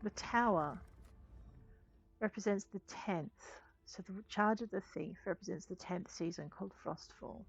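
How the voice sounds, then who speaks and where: A woman's voice: mid-range voice, measured pace, creaky, husky, lo-fi sound. A woman doing casual game playthrough commentary, musing aloud and reading game text as she goes. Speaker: gaming host.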